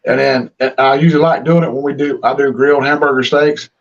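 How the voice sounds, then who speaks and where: Male host, relaxed folksy chat. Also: medium pitch, fast, dull audio. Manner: folksy, relaxed, laughs along. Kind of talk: casual chat.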